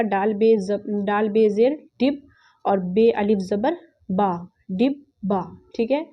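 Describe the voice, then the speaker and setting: A woman teaching a reading lesson, patiently spelling out words and repeating them slowly. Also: medium pitch, muffled recording. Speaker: Urdu teacher.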